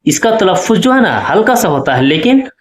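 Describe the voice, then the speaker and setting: Guy teaching an exam prep class, kinda high voice, keeps checking in with students, echoey room. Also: big pitch swings, a little fast. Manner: explains step by step, checking in with the class often.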